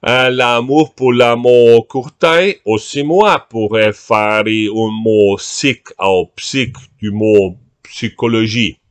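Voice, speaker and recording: A Portuguese-speaking author reads his own text aloud, moving between languages in an unhurried, deliberate way. His middling-pitched voice has a clean tone and a dry, measured humor. He's recorded on a webcam at a desk in a room at home.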